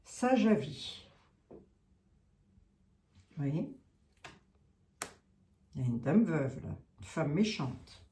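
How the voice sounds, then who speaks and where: A woman with a Lorraine French accent reading tarot cards aloud, thinking out loud, questioning the cards and hesitating often. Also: deep voice, very animated, very slow, long pauses, slight background noise. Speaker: tarot card reader. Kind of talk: casual tarot reading monologue. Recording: roomy echo.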